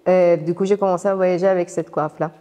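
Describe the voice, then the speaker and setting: A woman's voice: on the low side, steady tone, fast, warm tone. A woman in her thirties from Iran, speaking as an artist being interviewed, hesitant and searching for words. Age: 30s. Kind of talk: casual interview. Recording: reverberant hall.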